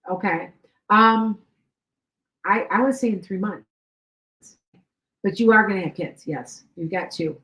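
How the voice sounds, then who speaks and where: Unhurried and pausing often, a middle-aged woman with a pushed, bright, mid-range voice gives live-stream psychic readings from an echoey room. Her accent carries Chicago and Wisconsin, and her chatty style is full of repetition and checks on whether she's making sense.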